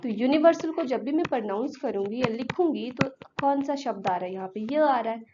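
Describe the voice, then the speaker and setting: Lady teacher explaining articles, fairly high voice, dull lo-fi sound with a bit of hiss. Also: expressive, fairly quick. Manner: asks questions and answers them herself; mixes Hindi with English words. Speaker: English teacher. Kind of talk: exam-prep grammar lesson.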